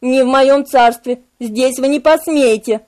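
A woman voicing a menacing male devil who barks commands in a lowered voice. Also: unhurried, a little mellow. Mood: anguished.

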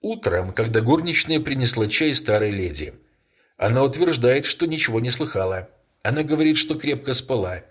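A man's voice: mid-range voice, lively intonation, moderate pace, fairly bright tone. A man voicing a dutiful male police inspector who reports facts politely and formally. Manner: polite, matter-of-fact reporting.

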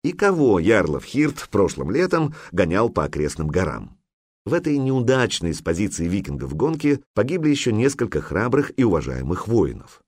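A man narrating an adventure audiobook in an expressive, storytelling manner. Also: fairly low pitch, moderate pace, breathy edge, no echo, studio quality.

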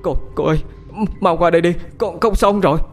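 A man's voice: a little high, brisk, soft background music, voice pushed up, natural voice. A man voicing a wounded young man calling out in a strained, urgent voice.

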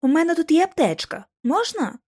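A woman reading the part of an anxious but capable teenage girl, sounding high and flustered. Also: big pitch swings, a little fast, darkish tone. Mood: careful.

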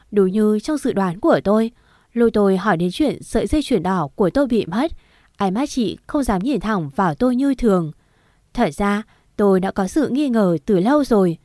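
A woman narrating a first-person story in an earnest, steady reading. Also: mid-range voice, dry recording, studio quality.

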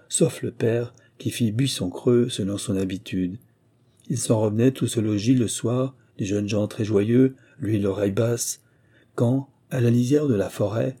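A man reading a nineteenth-century short story aloud in a measured storytelling manner. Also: fairly low pitch, warm tone, breathy edge. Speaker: audiobook reader. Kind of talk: scripted literary narration.

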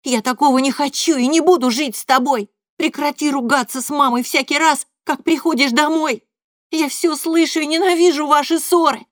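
A woman voicing a young boy who shouts at his father through tears, read as an audiobook. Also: high voice, fairly even intonation, moderate pace, no echo, clean studio sound, pitched above the performer's own voice. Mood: desperate. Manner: shouting, crying.

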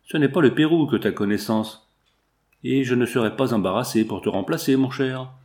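A man voicing a sharp-tongued young redheaded chorus girl, snapping back with dismissive retorts. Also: medium pitch, normal speed, natural voice. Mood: snappish.

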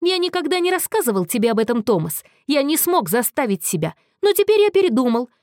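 A woman's voice: high voice, very animated, fairly quick, dry recording, studio quality, voice pushed up. A woman voicing a volatile, bitter young man on the edge of breaking down, snarling and accusing in a raised voice. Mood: furious, accusing.

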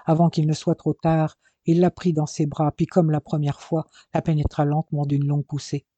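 Man narrating an audiobook in a dark, flat voice. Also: on the high side, normal speed, no room sound, dull audio. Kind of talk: scripted narration.

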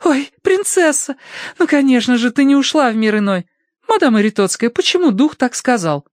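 A man reading an audiobook voices an excitable young woman who gushes in breathless, squealing exclamations. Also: extremely high pitch, normal speed, no room sound, studio quality, voice pushed up. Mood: gushing. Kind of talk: audiobook character voice.

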